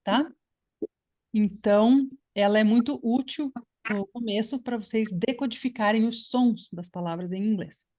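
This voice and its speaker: A woman's voice: on the high side, a little slow, dark tone. Patient woman teaching an online class. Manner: patient, explanatory, checks understanding often. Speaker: English teacher. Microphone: video call.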